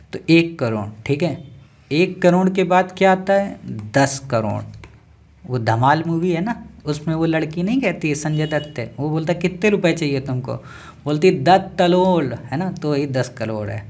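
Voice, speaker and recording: A man teaching a maths class, asking questions and answering them himself, with frequent checks like "okay". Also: a little high. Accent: Hindi. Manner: asks and answers his own questions, repeats "ठीक है" often. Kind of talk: classroom lecture.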